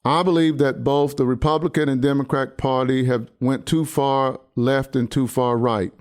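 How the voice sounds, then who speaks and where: A man in his sixties, a pastor hosting a podcast, speaking earnestly in a halting way with many fillers and restarts. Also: medium pitch, fairly even intonation. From United States. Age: 60s. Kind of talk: personal commentary monologue.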